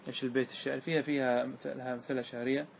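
A man's voice: medium pitch, level tone, rapid-fire, creaky, slight background noise. A man teaching a grammar class, quizzing his students and repeating their answers.

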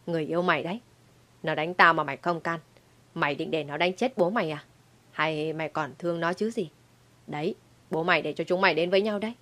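A woman's voice: low voice, fast, fairly bright tone. A woman voicing a scheming, drunken young husband who talks in a coarse, abusive way. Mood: drunk angry.

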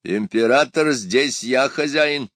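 A man voicing a grumpy old male doctor with a creaky voice, loud and raised. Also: mid-range voice, takes it slowly, dry recording, clean studio sound, pitched above the performer's own voice. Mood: stern.

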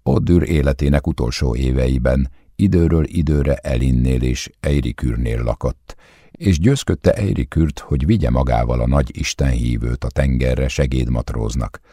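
A man narrating an audiobook in a calm, measured way. His voice is extremely low, dark and husky, recorded close and dry with no room sound. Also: no echo. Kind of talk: scripted narration.

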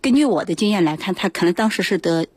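Husky-voiced woman doctor on radio. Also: on the low side, animated, fast, darkish tone, no room sound. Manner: hesitant, many fillers like "那个". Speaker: throat doctor, guest expert. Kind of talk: explaining in a radio interview. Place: radio studio. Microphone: studio microphone.

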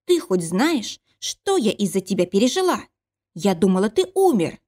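A woman voicing a fiery young heroine who raises her voice in emotional, high-pitched outbursts. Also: very animated, moderate pace, a little mellow. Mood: distraught, angry. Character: young woman, fiery, scared then furious.

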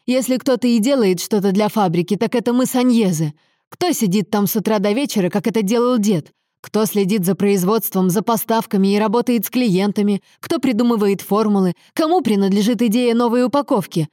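A woman reader voicing an angry young adult son who shouts and hisses accusations at his father. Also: extremely high pitch, fast talker, hardly any pauses, no room sound, studio quality, voice pushed up. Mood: furious. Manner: shouting, hissing, bitter interrogation.

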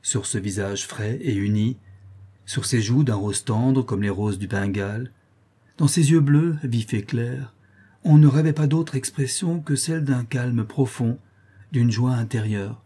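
A man reading a classic novel aloud in a measured, even way. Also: mid-range voice, slightly rough. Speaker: narrator.

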